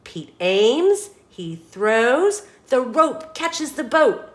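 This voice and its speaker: With a high-sitting voice and drawn-out words, a woman hosts storytime, reading a children's picture book with expressive, dramatic flair and posing questions to the little ones listening.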